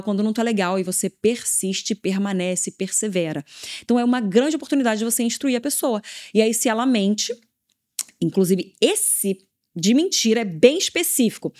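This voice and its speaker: A woman with a Brazilian Portuguese accent hosting a casual question-and-answer talk on church discipleship, animated and acting out quoted conversations. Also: fairly high pitch. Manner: animated, acts out quoted dialogue. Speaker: host.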